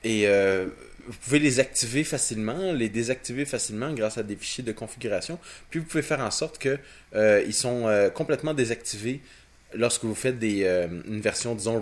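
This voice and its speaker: A man with a Quebec French accent co-hosting a casual technical talk, explaining haltingly and often repeating words. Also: fairly low pitch. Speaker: podcast co-host.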